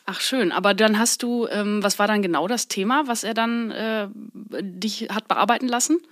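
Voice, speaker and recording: A woman's voice: mid-range voice, moderate pace, a bit bright. A woman hosting a podcast interview, asking questions in a friendly, casual way with many fillers. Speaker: podcast host.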